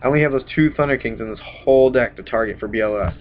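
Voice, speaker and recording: This young adult card game vlogger, on the mend from a cold, speaks at a quick pace with a medium pitch, rambling casually through a deck for his desk webcam in a small room and often punctuating with "bam." Slight background noise sits in the dull, lo-fi audio.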